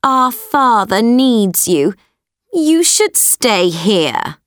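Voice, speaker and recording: A woman's voice: fairly high pitch, sing-song, extremely slow, no room sound, clean studio sound, heavily acted. A woman voicing selfish young sisters in a storybook reading, bossy and insistent.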